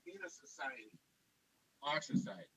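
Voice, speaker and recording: A man from Liberia speaking on a radio talk show, his call audio breaking up and cutting in and out as he lays out his points in a measured way. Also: mid-range voice, lively intonation, fairly bright tone, slightly rough. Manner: measured, explanatory, lists points. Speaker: guest calling in. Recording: dull lo-fi call line, dry, dropping out.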